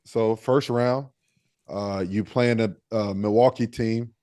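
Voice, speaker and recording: A man's voice: lowish voice, fairly even intonation, slow, mellow, no echo, studio quality. A man co-hosting a podcast, talking basketball in a laid-back way and thinking aloud with fillers. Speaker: podcast co-host. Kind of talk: casual sports talk.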